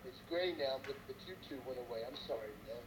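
A man's voice: medium pitch, fast. A man talking casually over a speakerphone as a podcast guest, apologetic and easygoing. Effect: heard over a speakerphone. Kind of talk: casual conversation. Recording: distant, noisy speakerphone audio.

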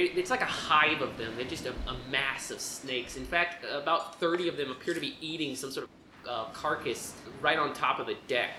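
Female game master: lowish pitch, halting improvised description, roomy sound with background music. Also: pushed and bright, a little hiss or hum. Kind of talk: improvised tabletop game narration.

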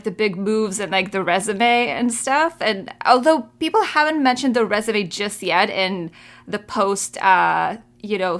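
Bright-voiced chatty woman. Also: mid-range voice. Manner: chatty, many "like" fillers, animated quoting. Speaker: podcast co-host. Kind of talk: casual chat.

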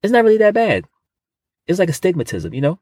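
A man's voice: sits high, huge pitch swings, fast talker, darkish tone, husky, no echo. A man co-hosting a podcast in casual comedic chat, rambling and repeating himself with boastful, street-casual phrasing. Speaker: podcast co-host.

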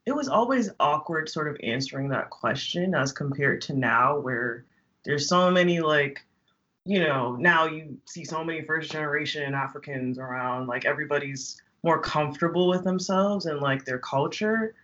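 A woman's voice: deep voice, normal speed, a bit bright, muffled recording. A woman from Maryland, a podcast guest reflecting in casual chat and often saying "like" and "sort of". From Maryland, USA.

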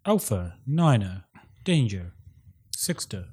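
A man putting on a numbers-station voice, reading code words in a slow, flat monotone that sits lower and quieter than ordinary talk. Each word is spaced out and delivered without expression, like a looping recorded broadcast. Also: breathy edge, no room sound, heavily acted. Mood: flat, robotic. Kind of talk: mock numbers station monotone in a casual podcast chat.

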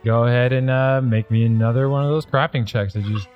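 A man's voice: mid-range voice, steady tone, fast talker, lo-fi sound, soft background music. A man acting as game master, casually narrating a tabletop role-playing game and explaining its rules.

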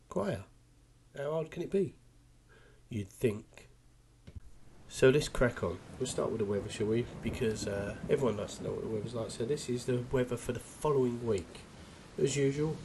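A man with a husky voice presenting a local podcast in a chatty, wry way with joking asides. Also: medium pitch, a little mellow, slight background noise. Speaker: podcast host.

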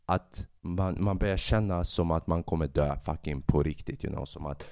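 A man's voice: very deep voice, creaky, clean tone, dry recording, clean studio sound. A man hosting a casual monologue podcast, ranting and rambling with lots of swearing, and sick with a fever. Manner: swearing, rambling, animated rants. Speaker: podcast host.

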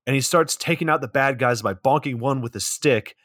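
A man casually retelling a movie's plot on a podcast, his mid-range voice relaxed and a little deadpan. He drops curse words and dry side comments as he goes. The sound is close and dry. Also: medium pitch, fairly quick, dry recording. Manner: laid-back recapping with profanity and dry asides. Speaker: podcast co-host. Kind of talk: casual movie recap chat.

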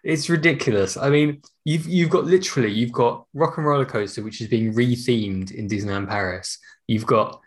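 A man's voice: mid-range voice, normal speed. A British man chatting casually as a podcast co-host. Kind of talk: casual chat.

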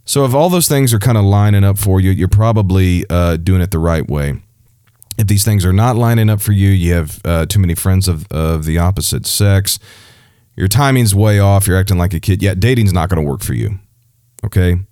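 A man with a very low voice talks earnestly about dating and faith, in a loose conversational way full of fillers and restarts. The recording is dry and close, with no room sound. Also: normal speed, mellow, clean tone, dry recording. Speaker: pastor giving dating advice. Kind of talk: casual religious advice talk.

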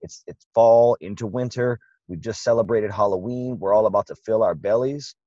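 A man's voice: fairly low pitch, moderate pace, warm tone, no echo, highs cut off. A man co-hosting a podcast in casual, enthusiastic chat. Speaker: podcast co-host.

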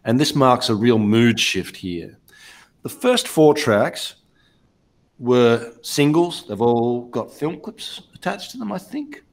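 A man hosting a casual album review, talking through each track in a measured, explanatory way and steering the discussion. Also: medium pitch, animated. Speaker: podcast host reviewing an album. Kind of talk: casual music review chat.

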